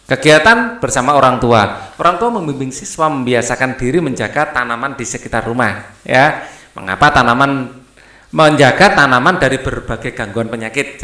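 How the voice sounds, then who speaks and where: A man's voice: medium pitch, sharp tone, reverberant. A man, patiently walking young pupils through a textbook lesson, checking in with many "ya"s. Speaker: teacher. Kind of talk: explaining a primary school textbook.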